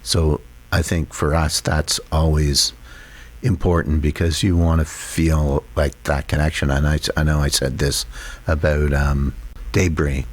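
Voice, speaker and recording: A man, a songwriter in a band, talking in a relaxed interview, thoughtful and rambling with many fillers. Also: rumbling low, measured pace. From Canada.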